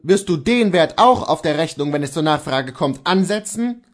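A man's voice: on the high side, lively intonation, moderate pace, voice pushed up, natural voice. A man reading the part of a stern, indignant male church reformer, scolding in thundering rebukes. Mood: indignant wrath.

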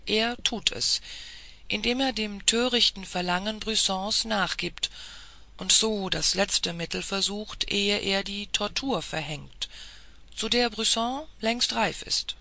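A reader voicing an insistent, formal police official who presses a lady with long, courtly appeals, in a slow, gravelly, bright voice. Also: medium pitch, exaggerated voice. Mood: persuasive.

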